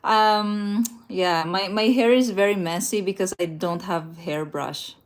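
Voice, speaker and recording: Speaking in a mid-range voice at a measured pace, this woman from the Philippines hosts a relaxed travel livestream. She laughs frequently, often starts her sentences over, and reads out viewer comments from inside a rented room at night.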